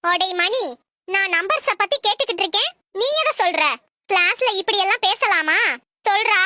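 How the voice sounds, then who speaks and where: Super high squeaky cartoon teacher lady, always scolding, sharp bright voice. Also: animated, moderate pace, a little hiss or hum, exaggerated voice. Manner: scolding, exasperated. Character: exasperated female schoolteacher, scolding. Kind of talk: comedy cartoon dialogue.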